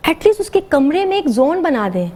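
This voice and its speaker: A middle-aged woman with a Pakistani accent, an educationist speaking as a guest on a morning show, earnest and animated, mixing English words into her talk. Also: sits high.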